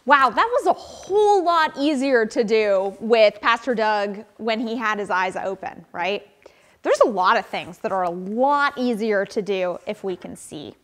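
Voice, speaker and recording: In a church sanctuary, a young woman pastor gives an animated children's sermon, addressing the kids directly. Her voice sits on the high side and moves a little slowly, recorded by a camera across the room.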